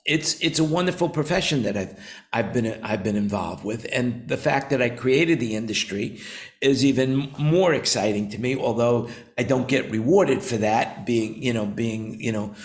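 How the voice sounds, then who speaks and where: A man's voice: medium pitch, lively intonation, normal speed. A man in his seventies hosting a casual roundtable talk, rambling with many repeated words and fillers. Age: 70s. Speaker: show host, company founder.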